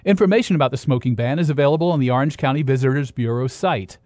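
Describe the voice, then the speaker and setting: A man's voice: medium pitch, quick pace, a little mellow, no room sound, studio quality. A man reading a scripted radio news report as a reporter.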